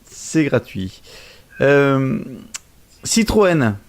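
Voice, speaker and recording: A man's voice: medium pitch, very animated, very slow. A man co-hosting a casual tech news podcast, joking and searching for words as he goes. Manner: joking, hunts for words mid-sentence. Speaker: podcast co-host.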